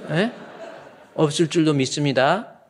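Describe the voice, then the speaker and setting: A man in his fifties, a senior pastor, preaching a lively, folksy sermon and acting out quoted voices now and then. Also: fairly high pitch, unhurried, slight background noise.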